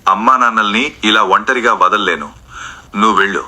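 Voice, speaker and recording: A man's voice: fairly low pitch, brisk, bright, forceful tone. A man voicing a young married son caught between his mother and his wife, pleading and emotional in an audio drama. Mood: resolved.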